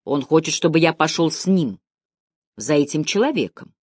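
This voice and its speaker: A woman reading the part of a practical, protective older man, steady and matter-of-fact. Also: sits low, normal speed, breathy edge, dry recording, clean studio sound.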